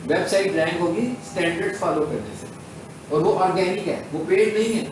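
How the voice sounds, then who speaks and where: A Pakistani-accented man gives a classroom lecture, walking through each point step by step and posing questions only to answer them himself. His voice sits fairly high for a man. The room is echoey, with a faint hiss underneath. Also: brisk. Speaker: digital marketing instructor.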